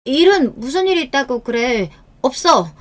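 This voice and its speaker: A woman's voice: sits high, sing-song, dark tone, voice pushed up, full character voice. A woman voicing a snappish, irritable wife. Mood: defensive. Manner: snappish, quick to complain. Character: irritable, defensive wife in her thirties or forties. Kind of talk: scripted radio-story dialogue.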